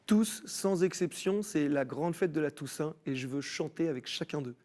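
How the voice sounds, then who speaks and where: Speaking at normal speed in a voice on the high side, a French musician guest on a TV studio set relates his faith testimony. He is animated throughout and acts out quoted voices.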